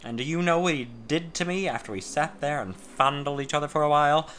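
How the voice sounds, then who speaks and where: A playful, boastful grown man speaks in a bright, slightly lifted voice , put on by a male narrator. He teases and brags with easy confidence. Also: fairly high pitch, a little fast, slight background noise, voice pushed up, close to an everyday voice. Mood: teasing.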